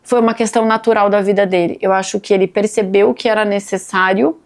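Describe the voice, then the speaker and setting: A woman's voice: mid-range voice, fairly even intonation, fast talker. A Brazilian woman in her thirties, a physician and business owner, talking casually on a podcast and acting out family quotes as she tells stories. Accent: Brazilian Portuguese.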